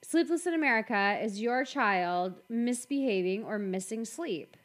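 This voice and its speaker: A woman's voice: a little high, a little slow. Chatty woman co-hosting a parenting talk. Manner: animated, repeats herself for emphasis. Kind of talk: casual chat about parenting.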